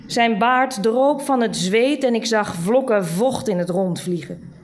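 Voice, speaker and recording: A woman reading a literary short story aloud in a measured, dry storytelling manner. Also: a little high. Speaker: reader.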